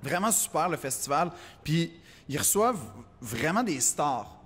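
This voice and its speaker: With a husky voice on the high side and a measured pace, a man with a Québécois accent delivers a casual stand-up story, acting out its characters' voices with animation. The recording has a big-room sound.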